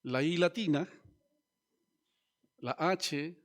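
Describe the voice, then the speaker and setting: A man's voice: on the high side, extremely slow. A man preaching a sermon as pastor, teaching and asking the congregation questions. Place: church.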